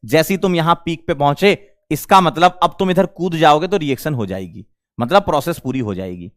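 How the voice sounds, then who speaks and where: A male chemistry teacher lecturing a class, firing quick questions at the students. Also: a little high, lively intonation.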